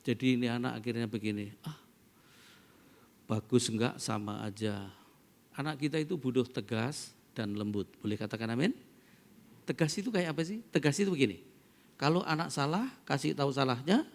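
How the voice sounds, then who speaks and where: Gravelly pastor in a church hall. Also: male voice, medium pitch, lively intonation, quick pace. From East Java. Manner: storytelling, rises to loud emphatic preaching. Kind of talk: sermon. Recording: long church-hall reverb.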